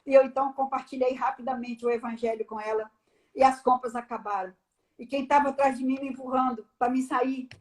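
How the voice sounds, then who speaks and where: High-voiced woman giving a testimony. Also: brisk. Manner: animated storyteller, acts out the dialogue. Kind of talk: personal testimony on a live stream.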